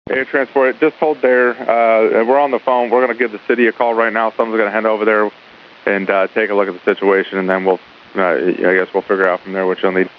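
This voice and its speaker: A man's voice: lowish voice, level tone, fairly quick. A male air traffic controller giving instructions over radio in a conversational, repetitive way. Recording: phone-like narrow radio with faint hiss.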